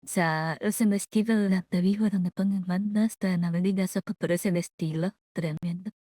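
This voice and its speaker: A woman's voice: on the low side, fairly even intonation, fairly quick, dark tone, dry recording. A woman with a Latin American Spanish accent chatting casually with viewers on a live stream in a giggly, slangy, informal way. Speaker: VTuber streamer reacting to a video.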